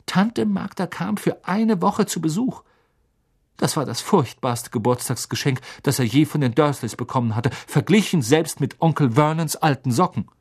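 An audiobook reader giving dramatic, expressive storybook narration. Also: medium pitch, husky.

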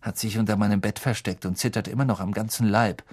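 Man doing a gruff, sulky teen boy. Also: fairly low pitch, steady tone, fast talker, a little mellow, natural voice. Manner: gruff, curt.

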